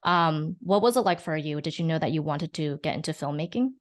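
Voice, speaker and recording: A woman's voice: deep voice, expressive, a little fast. A woman interviewing a guest, asking long, winding questions with "you know" fillers. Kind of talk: podcast interview.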